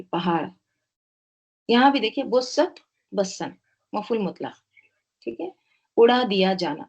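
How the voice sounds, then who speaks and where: A woman teaching a Quran tafsir lesson, reciting Arabic verses slowly and explaining word roots step by step, often asking her own questions and adding "right?". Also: a little high, a little mellow, dull audio.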